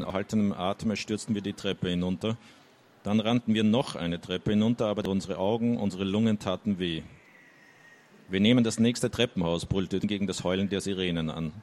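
A man's voice: lowish voice, a little mellow. A man reading a first-person novel aloud, with hesitant asides when summarizing. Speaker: audiobook reader.

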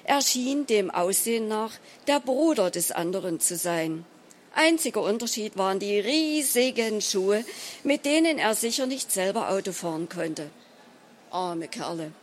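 Woman, story reader, humorous short story, dry measured delivery, slow pace, mid pitch. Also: a little hiss or hum.

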